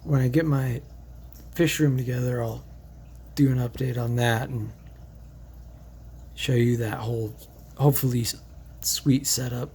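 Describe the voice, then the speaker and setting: A man's voice: medium pitch, steady tone, unhurried, darkish tone, slight background noise. A man casually touring his home fish tank, rambling and thinking aloud with fillers and restarts. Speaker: aquarium hobbyist vlogger. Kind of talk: casual tank tour vlog. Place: indoors beside a fish tank.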